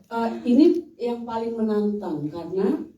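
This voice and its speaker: A woman's voice: fairly high pitch, measured pace, highs cut off, slight background noise. A woman with a Sundanese accent, an actress chatting in a press interview and telling stories with lots of laughter. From West Java. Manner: laughing, animated storytelling. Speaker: film actress. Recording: echoey room, mic far off.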